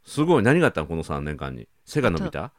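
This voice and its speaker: Male co-host, Osaka accent, teasing casual banter, highly animated intonation, brisk pace. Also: dry recording, studio quality. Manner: teasing, joking interjections with acted-out examples. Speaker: talk show co-host. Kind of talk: casual chat.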